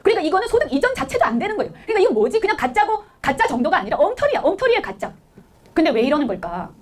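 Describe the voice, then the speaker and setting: A middle-aged woman gives a blunt, indignant political speech at a racing, breakneck pace. Her very high voice swings up and down with lively intonation as she emphatically fires rhetorical questions at the listener.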